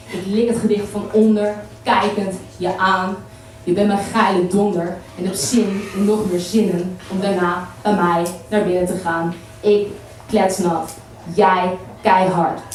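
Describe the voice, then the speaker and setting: A woman's voice: mid-range voice, a little mellow, slight background noise. A woman performing an erotic spoken-word poem in a playful, rhythmic way at a live poetry night. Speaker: performing poet. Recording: echoey room, mic from far off.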